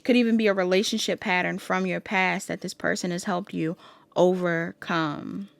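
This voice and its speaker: A woman's voice: lowish voice, steady tone, normal speed, creaky, dry recording. A woman giving a casual pick-a-card tarot reading, chatting to viewers and reading guidebook text aloud. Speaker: tarot reader.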